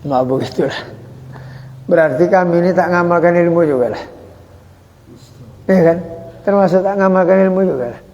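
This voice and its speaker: A man over forty giving an informal religious study talk, chatty and joking, acting out greetings slowly. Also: sits high, a little mellow. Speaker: religious teacher. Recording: dull echoey hall.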